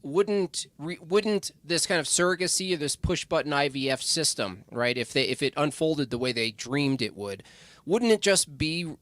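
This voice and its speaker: A man talks in a loose, rambling way, stopping and restarting. His voice sits a bit high for a man. The sound is close and dry, with no room around it. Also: expressive, a bit bright, dry recording. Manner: rambling, halting, with mocking quoted voices. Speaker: guest. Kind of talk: casual podcast discussion.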